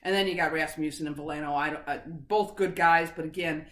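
A woman's voice: low-pitched, steady tone, a little fast, a bit bright, echoey room. A woman co-hosting a casual sports podcast, chatty, interrupting herself and laughing easily. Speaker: podcast co-host.

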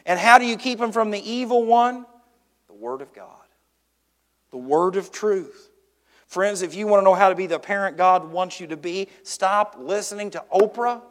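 A man's voice: high-pitched, normal speed. A man preaching an evening sermon as pastor, emphatic and stretching out his stressed words. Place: church sanctuary. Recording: long hall reverb in a church.

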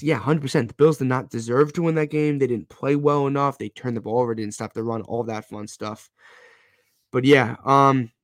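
A man's voice: mid-range voice, dry recording, studio quality. A man hosting a casual live football fan show, talking in slangy, bro-ish hype and repeating key phrases for emphasis. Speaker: sports show host.

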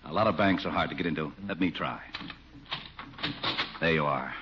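A man's voice: a bass voice, moderate pace. A man playing a sly, cocky bandit posing as a private detective, wisecracking in 1940s radio comedy style. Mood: smooth, wry. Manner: wisecracking, smooth-talking, tough-guy. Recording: muffled 1940s radio recording, faint noise.

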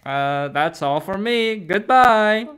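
A performer voicing a friendly young male dragon rider, speaking haltingly with many fillers. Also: medium pitch, animated, fairly bright tone, clean tone.

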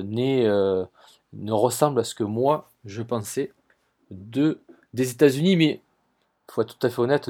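A man's voice: medium pitch, dark tone. Rambling Marseille-accented man telling travel stories. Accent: Marseille French. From southern France. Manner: rambling, lots of repeated words and restarts; enthusiastic, addresses listeners directly. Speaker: podcast host. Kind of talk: travel storytelling.

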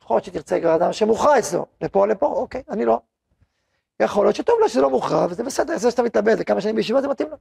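A man's voice: sits high, expressive, creaky, darkish tone, slightly rough. A man with an Israeli accent teaching an informal religious lesson, acting out both sides of little dialogues and talking with the class. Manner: acts out both sides of dialogues, talks to the room. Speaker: yeshiva rabbi teaching a class. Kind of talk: informal Torah lesson to students.

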